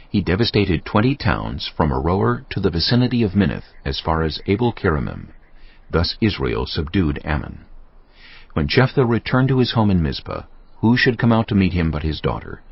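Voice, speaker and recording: A man narrates scripture in a scripted storytelling style, his voice extremely low and husky. His intonation swings widely and dramatically. The recording sounds slightly dull, with no room sound.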